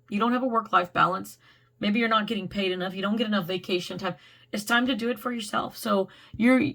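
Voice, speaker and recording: A woman's voice: mid-range voice, vocal fry, a bit bright. A woman reader giving a casual spoken tarot reading, chatty and encouraging with a rambling flow. She is losing her voice.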